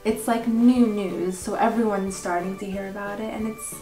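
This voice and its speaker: A woman being interviewed as a pageant winner, chatting casually and haltingly with lots of filler words. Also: medium pitch, fairly even intonation, warm tone. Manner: informal, halting, frequent "like" and "you know". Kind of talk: casual question-and-answer chat. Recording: echoey room with background music.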